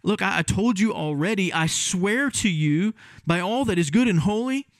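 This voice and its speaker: A man's voice: fairly high pitch, slow pace, fairly bright tone, clear, resonant tone, dry recording, pitched above the performer's own voice. A preacher voicing a frantic man swearing oaths. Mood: desperate. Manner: insistent, pleading oaths.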